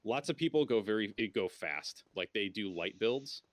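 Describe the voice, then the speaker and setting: Low-voiced man in animated casual gaming chat. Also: normal speed, no echo. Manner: informal, swears freely. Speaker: game streamer guiding co-op players.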